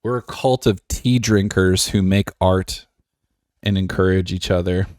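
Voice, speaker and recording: A man's voice: low voice, steady tone, unhurried, a little mellow, no echo, clean studio sound. A man streaming a game live, talking casually with a joking, self-assured, rambling manner.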